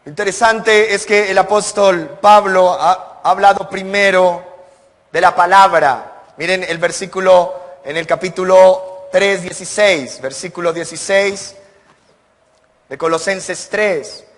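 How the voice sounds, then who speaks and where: A man's voice: high-pitched, unhurried, fairly bright tone, long reverb tail. A man preaching a sermon as pastor, earnest, asking the congregation rhetorical questions and building to emphatic peaks. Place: church sanctuary.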